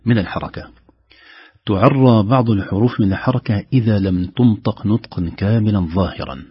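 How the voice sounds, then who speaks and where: A middle-aged man teaching the rules of Quran recitation, patiently explaining and demonstrating words slowly and more loudly. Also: deep voice, breathy edge, no echo, muffled recording.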